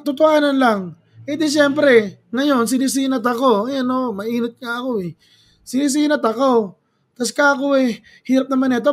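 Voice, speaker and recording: A man from the Philippines giving chatty, dramatic commentary as a video blogger, exclaiming often and mixing in English phrases. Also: very high-pitched. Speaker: political commentary vlogger. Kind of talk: casual commentary.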